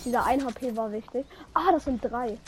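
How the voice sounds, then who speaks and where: High-voiced young woman blurting slang. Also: a little fast. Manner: slangy, blurts reactions while playing. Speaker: game streamer. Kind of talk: casual live gaming chat. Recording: clear background noise with mouse clicks.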